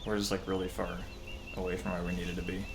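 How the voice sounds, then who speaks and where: A man's voice: low voice, monotone, fast, vocal fry, noisy background. A man chatting casually while hosting a game livestream, bantering in an exasperated way. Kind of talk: casual gameplay chat.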